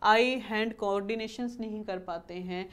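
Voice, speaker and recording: A woman's voice: mid-range voice, fairly even intonation, moderate pace. A woman teaching an exam-prep lesson, repeating questions and answers to drill terms and mixing in English words. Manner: mixes English terms into Hindi explanations.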